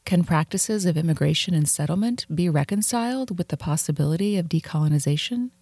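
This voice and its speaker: Low-voiced woman podcast host. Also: dark tone, husky, dry recording, studio quality. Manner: measured, read from script. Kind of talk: scripted podcast narration. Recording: music playing underneath.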